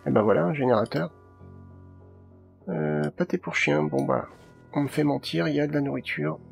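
A man's voice: fairly high pitch, normal speed, vocal fry, faint music behind. A man giving casual let's play commentary, muttering and thinking aloud to himself.

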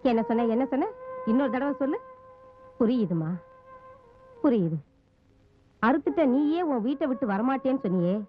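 An actress playing a fierce middle-aged mother who scolds her daughter in sharp, scornful tirades. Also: high-pitched, animated, moderate pace, long pauses, soft background music. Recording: dull old film soundtrack.

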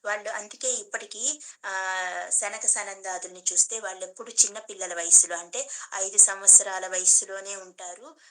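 A woman's voice: medium pitch, steady tone, moderate pace, bright, forceful tone, poor audio. A woman giving a devotional storytelling talk as a teacher, asking rhetorical questions and answering them.

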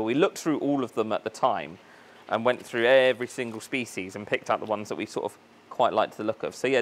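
A man hosting a casual unboxing vlog in his aquarium shop, chatty and enthusiastic, thinking aloud and tripping over plant names. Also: mid-range voice. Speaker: fish shop owner and video host.

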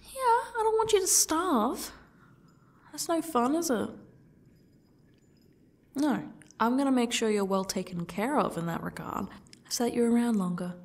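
A woman acts out a sadistic female yandere stalker in an ASMR role-play. Her voice is husky and crackles with fry, and she takes her time, taunting her captive with smug, faux-gracious menace. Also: a little high, animated, a little slow, long pauses. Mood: coaxing, threatening. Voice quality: breathy, husky, dropping into speaks softly.

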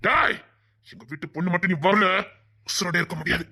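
A performer with a Tirunelveli Tamil accent acts a furious father in a family drama, scolding, shouting and threatening over a missing daughter. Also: mid-range voice, brisk, breathy edge. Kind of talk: village family drama acting.

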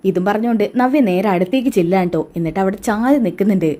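A woman's voice: medium pitch, fast talker, warm tone. Chatty woman retelling a serial. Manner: chatty, conversational tags. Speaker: serial recap narrator. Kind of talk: casual story narration.

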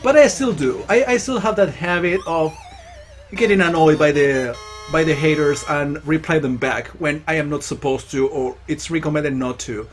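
A man's voice: on the high side, moderate pace, faint music behind. A Chilean man whose first language is Spanish, speaking English with a Chilean accent, hosting a gaming stream and talking in a reflective, rambling way with frequent restarts. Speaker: gaming channel host. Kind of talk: casual live-stream commentary while playing.

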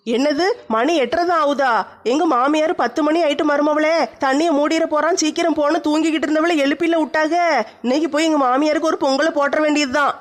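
A woman's voice: high-pitched, fast, close to an everyday voice. A woman playing a curious, chatty young village woman. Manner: curious, questioning, even-toned.

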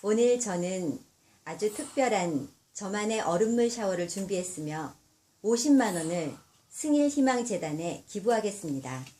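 A woman delivering a scripted personal message for a charity challenge, speaking politely and formally in short, measured phrases. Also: mid-range voice, expressive, dark tone, slight background noise.

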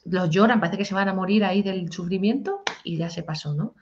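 Woman singer-songwriter, animated talk. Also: on the low side, fairly quick, a little hiss or hum. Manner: animated, sings short improvised snippets. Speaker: singer-songwriter and music teacher. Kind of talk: casual interview talk. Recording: dull lo-fi audio.

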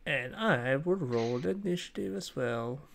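A man running a tabletop game as game master, halting and full of fillers. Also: a little high, lively intonation, vocal fry, a bit bright, a little hiss or hum.

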